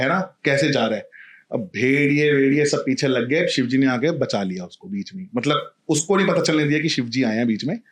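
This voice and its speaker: Animated male storyteller acting out voices. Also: medium pitch, slightly rough. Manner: animated, acts out every character. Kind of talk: casual spoken storytelling.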